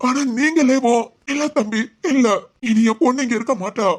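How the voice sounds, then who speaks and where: A woman voicing a middle-aged father in an animated family drama, speaking earnestly and with hurt. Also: high voice, moderate pace. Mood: aggrieved. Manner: earnest, pleading.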